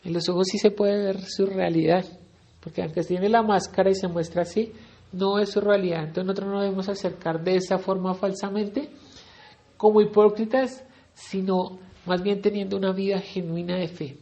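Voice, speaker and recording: Gravelly Colombian preacher. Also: male voice, sits high, little pitch movement, normal speed, dark tone. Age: middle-aged. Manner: conversational, asks the listeners questions. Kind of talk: Bible study sermon.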